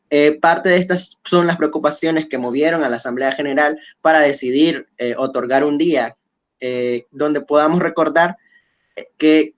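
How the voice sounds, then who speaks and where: Measured man hosting an online panel. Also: fairly high pitch. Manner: measured, hesitant with many fillers and restarts. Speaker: webinar host.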